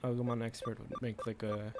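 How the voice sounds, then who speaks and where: A man's voice: mid-range voice, flat delivery, brisk, noisy background. A man doing casual game stream commentary, rambling and thinking aloud as he plays. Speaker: streamer playing a video game. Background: game music.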